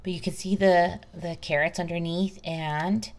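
A woman's voice: on the low side, steady tone, a little slow. A middle-aged woman chatting through a home cooking vlog, narrating each step and asking questions as she goes. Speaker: vlogger. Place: home kitchen and backyard patio. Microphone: handheld phone camera.

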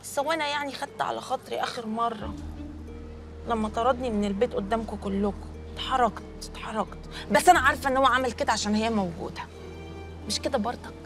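A woman's voice: fairly high pitch, music in the background, close to an everyday voice. An actress in a comedy series playing a talkative, teasing young woman teacher, with an Egyptian Arabic accent. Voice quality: talkative, playful, quick banter. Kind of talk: TV comedy drama dialogue.

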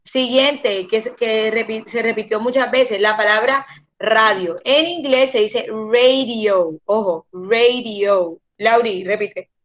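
Patient woman, higher voice, teaching English over a dull-sounding call line. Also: fairly bright tone. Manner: patient, slows down to model pronunciation. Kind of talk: online class instruction.

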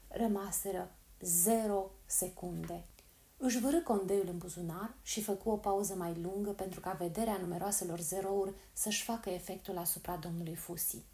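A woman narrating a storybook in a calm, measured reading voice. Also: medium pitch. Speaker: audiobook narrator.

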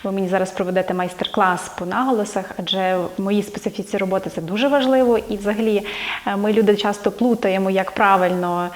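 A woman's voice: medium pitch, steady tone, fast. Woman interviewer searching for words. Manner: searching for words, many filler sounds. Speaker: interviewer, host. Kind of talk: interview questions.

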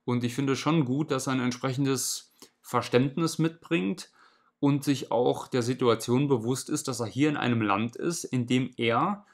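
Guy in his 30s reacting to a clip from his room, calm explaining tone. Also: mid-range voice. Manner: measured, explanatory. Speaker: commentator reacting to a video. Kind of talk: reaction commentary. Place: indoor room at home.

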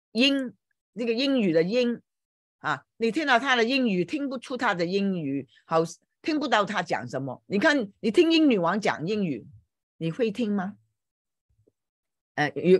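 A woman's voice: mid-range voice, no room sound, studio quality. A woman volunteer teacher giving an online English lesson in Chinese, explaining patiently, repeating words and spelling them out letter by letter. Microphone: computer mic on a video call.

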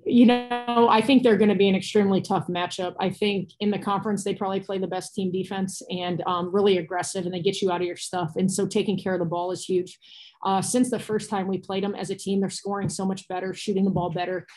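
Talking fast with little pitch movement, this basketball coach has a medium-pitched, darkish voice. She's an American woman in her thirties answering postgame press questions in a plain, colloquial way over a video call from a small cinder-block room indoors, recorded via laptop or phone at low quality.

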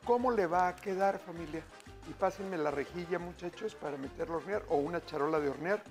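A middle-aged TV chef talks a little fast in a fairly high voice, faint music behind him, as he demonstrates a recipe in a studio kitchen. He keeps his chatter upbeat and calls his viewers "familia" again and again.

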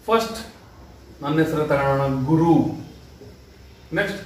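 A man with a Kannada accent teaching basic English grammar step by step. He slides between Kannada and English and keeps checking that his students understand. His fairly high voice comes from a distance in an echoey room. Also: moderate pace. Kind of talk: spoken classroom lesson.

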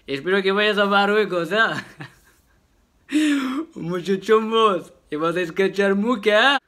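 Male vlogger, high bright voice, unhurried and jokey, laughs a lot. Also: expressive. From Morocco. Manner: jokey, laughs often, tag questions. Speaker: YouTuber. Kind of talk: casual vlog talk to viewers.

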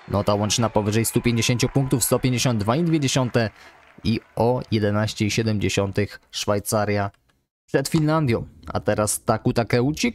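Excitable male play-by-play commentator. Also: medium pitch, a little hiss or hum. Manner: excitable, rising loud on big jumps. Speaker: game commentator. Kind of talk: sports-style play-by-play commentary.

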